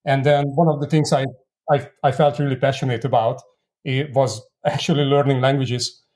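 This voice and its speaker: Mellow-voiced Hungarian man, reflective guest. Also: mid-range voice, steady tone. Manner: measured, reflective storytelling with frequent fillers. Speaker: startup co-founder guest. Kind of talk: conversational interview.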